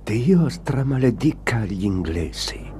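Svengali, un maestro beffardo e teatrale. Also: male voice, medium pitch, sing-song, slow pace, dark tone, slight background noise. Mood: scheming. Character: sly, mocking middle-aged male music maestro, foreign. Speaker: dubbing actor. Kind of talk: 1930s film drama dub.

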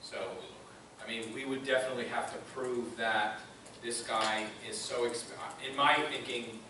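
A man at a school board meeting explaining a point at length in a measured way, recorded from a far camera. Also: mid-range voice, little pitch movement. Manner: measured, explanatory, hesitant fillers. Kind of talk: meeting discussion. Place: large meeting room. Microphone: far room camera. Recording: echoey room from far off, hissy.

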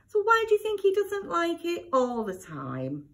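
A woman teacher, warm and full of praise, coaching a young child through a reading lesson with expressive, swooping intonation. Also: very high-pitched, unhurried. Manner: warm, encouraging, lots of praise.

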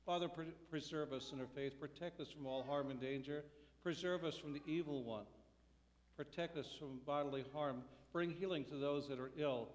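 A man leading a church service in solemn, measured liturgical prayer, his voice ringing with cathedral-like echo. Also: fairly high pitch, slight background noise. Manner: measured, solemn, phrase-by-phrase delivery. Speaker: pastor leading worship. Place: church sanctuary during a service. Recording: long church reverb, voice from a distance.

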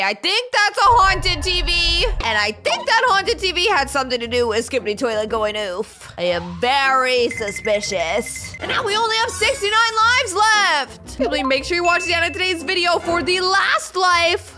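A woman hosting a playful, kid-friendly reaction video in a theatrical way, with exaggerated gasps and exclamations. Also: very high voice.

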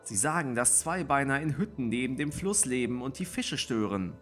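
A man voicing a calm she-cat warrior relaying news in a storybook reading. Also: medium pitch, moderate pace, faint music behind, close to an everyday voice.

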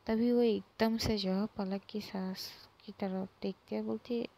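A woman's voice: fairly even intonation, measured pace, vocal fry, mellow. Woman casually retelling a love story. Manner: retells a love story, acting out quoted lines with rising pitch. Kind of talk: casual storytelling narration with quoted dialogue.

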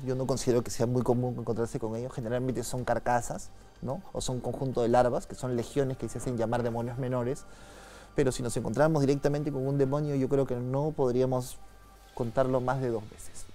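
Un hombre con acento peruano, invitado ocultista, que narra con calma y en voz baja una experiencia personal en una entrevista. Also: male voice, medium pitch, moderate pace, soft background music. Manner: soft-spoken, calm storytelling with frequent tag questions. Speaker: occultist guest. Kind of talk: telling a personal story in an interview.

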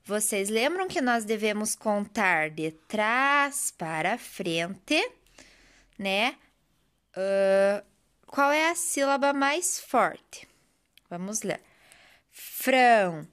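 A woman's voice: medium pitch, lively intonation, extremely slow, a bit bright, smooth. A woman, a primary school teacher with a Brazilian Portuguese accent, giving a remote lesson to children in a patient, sing-song teaching voice.

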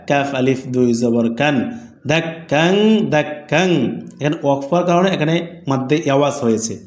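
A man teaching Quran reading, spelling each letter and vowel mark syllable by syllable and explaining the rules in quick asides. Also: medium pitch, roomy sound. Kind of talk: slow spelled-out recitation lesson.

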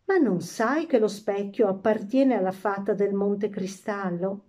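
A woman voicing an indulgent, sighing king father who speaks slowly and patiently. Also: medium pitch, dark tone, lightly acted. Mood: indulgent, weary. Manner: slow, patient, soothing.

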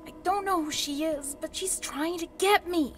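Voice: very high voice, moderate pace, faint music behind. A performer voicing a frightened, bossy young boy in a video game, urgent and blunt.

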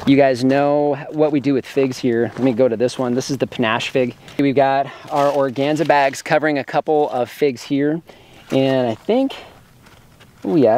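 A man giving a casual, enthusiastic walkthrough of his fruit trees outdoors, sometimes talking while eating. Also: medium pitch. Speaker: homesteading vlogger. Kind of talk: casual garden walkthrough to camera. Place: outdoors in an orchard.

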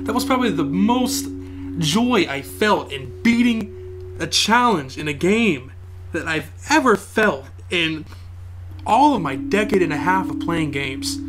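A man speaking expressively and excitedly to camera about gaming. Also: sits high, measured pace, over music, poor audio. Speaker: gamer interviewee. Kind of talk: personal testimony to camera.

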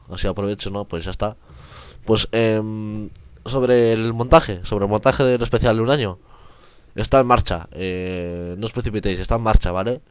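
A man's voice: lowish voice, clean tone. Chatty young man narrating gameplay. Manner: chatty, rambling, laughs often. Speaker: gaming youtuber. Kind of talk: casual gameplay commentary.

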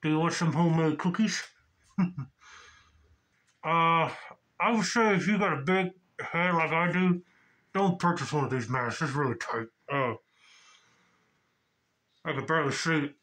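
A man's voice: fairly high pitch, measured pace, long pauses, sharp tone. A young man hosting a casual mask review vlog, talking in a rambling, folksy way through a face mask. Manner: rambling, folksy, chuckling between remarks. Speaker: host of a mask review channel.

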